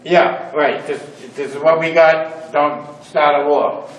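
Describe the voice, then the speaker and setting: A man guiding a tour through a missile silo, his voice echoing around the underground space, with a dramatic delivery that slows for emphasis. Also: fairly high pitch, fairly even intonation. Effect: echoing inside an underground missile silo. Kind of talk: guided tour talk. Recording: echoey silo, voice from a distance.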